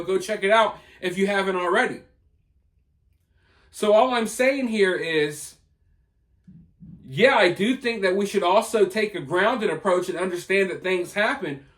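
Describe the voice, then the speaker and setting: This American man's voice is notably high and a little bright as he addresses his audience as an online commentator. He argues his view in a chatty yet forceful way, with frequent rhetorical flourishes.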